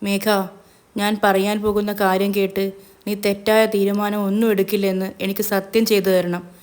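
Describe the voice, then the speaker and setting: A woman's voice: mid-range voice, flat delivery, darkish tone, natural voice. A woman voicing a grave, grieving father. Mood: solemn. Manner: slow, grave, restrained. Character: grieving middle-aged father, gentle and solemn.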